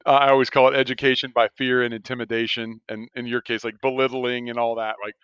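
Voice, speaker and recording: A middle-aged man talks quickly in a smooth, clear voice as he reflects on his own training. The sound is dry and a little dull. He speaks in a thoughtful, rambling, conversational way. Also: medium pitch, flat delivery, a bit bright, dry recording. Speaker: podcast co-host, rural physician. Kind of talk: casual podcast conversation.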